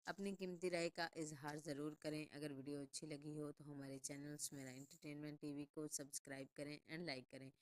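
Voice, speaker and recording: Lady w a deep low voice hyping up a drama recap, all suspense. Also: level tone, hardly any pauses. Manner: dramatic, suspense-building storytelling. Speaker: channel narrator. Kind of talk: scripted drama-recap narration.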